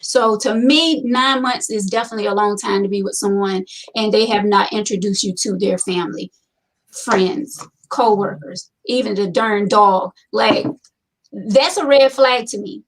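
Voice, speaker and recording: A woman's voice: mid-range voice, measured pace, recorded from a distance, poor audio. A woman hosting a casual talk show, chatty and opinionated, repeating points for emphasis. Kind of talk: casual chat.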